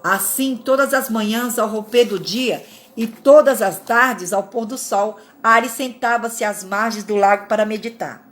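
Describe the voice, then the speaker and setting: A woman reads a spiritual fable aloud, calm and measured. Her voice sits fairly high, and she now and then corrects a slip. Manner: calm, measured reading with small slips and self-corrections. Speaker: narrator.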